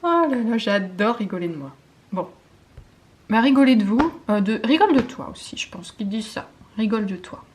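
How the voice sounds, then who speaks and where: A French woman giving a spiritual card-reading guidance, talking softly and intimately, often slipping into a whisper, with hesitant fillers and self-mocking laughs. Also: a little high, animated, a little hiss or hum. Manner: slow, soft and intimate, often dropping to a whisper. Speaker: tarot card reader.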